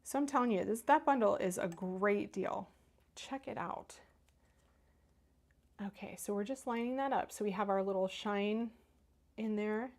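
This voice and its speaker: With a medium-pitched voice and a measured pace broken by frequent pauses, a middle-aged woman from Northern Kentucky keeps up chatty, enthusiastic talk while demonstrating cardmaking live. She reads the chat aloud and has a Midwestern American accent close to Ohio's.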